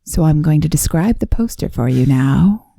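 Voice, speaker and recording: A woman's voice: low-pitched, lively intonation, a little fast, vocal fry, dark tone, no room sound, clean studio sound. A woman co-hosting a casual podcast, teasing her co-host and laughing often.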